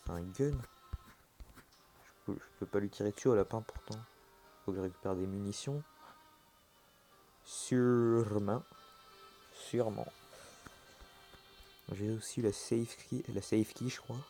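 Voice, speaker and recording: A man's voice: fairly low pitch, steady tone, fairly quick, warm tone, faint music behind. A man giving casual horror game commentary, reacting aloud like a jumpy, scared streamer and talking to the game as he plays. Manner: talks to the game's objects and characters.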